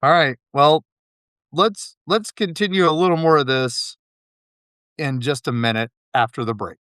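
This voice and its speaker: A man's voice: a little high, measured pace, fairly bright tone, clear, resonant tone. A man hosting a podcast, telling history in a rambling, casual way with frequent laughs. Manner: rambling, laughs often, fillers. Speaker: podcast host.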